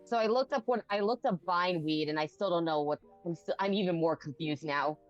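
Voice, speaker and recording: A woman's voice: on the low side, fairly quick, muffled recording, faint music behind. A woman chatting casually with friends on a stream and asking friendly questions. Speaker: co-host in a reading collab. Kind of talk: casual chat.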